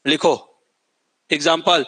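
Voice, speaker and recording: A man's voice: fairly high pitch, fairly even intonation, slow pace, bright, forceful tone. A middle-aged male coaching teacher giving a classroom lecture, dictating notes, repeating key words and often asking students whether they remember. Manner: sings a film line as an example.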